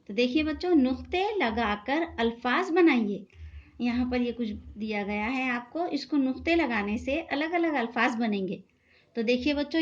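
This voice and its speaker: A woman teacher giving a lesson to children, speaking patiently and sounding out letters one by one. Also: a little high. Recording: dull lo-fi sound.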